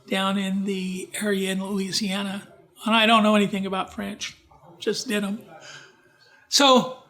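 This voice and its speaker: A man with a high-pitched, sharp voice presents on genealogy in a library event room, speaking informally over slides. He keeps stopping to restart sentences and turns to the audience with questions and asides.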